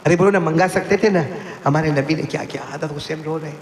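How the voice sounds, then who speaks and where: A man preaching an impassioned sermon at a live gathering, prompting the seated crowd to call back praise and swinging between soft pleading and high cries. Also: a little hiss or hum. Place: religious gathering before a seated audience. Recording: echoey hall with long reverb, faint ambience.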